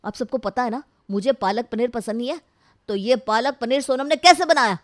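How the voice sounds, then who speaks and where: A woman voicing a moody, heartbroken young husband in a storybook tale, emotional and quick to anger. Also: mid-range voice, creaky, a little mellow, dry recording, studio quality, close to an everyday voice. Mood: angry. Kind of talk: storybook voice acting.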